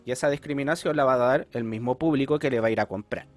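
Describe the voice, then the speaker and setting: A man's voice: mid-range voice, fast, faint music behind. A man with a Chilean accent teaching an online class, explaining patiently and checking in often with his students.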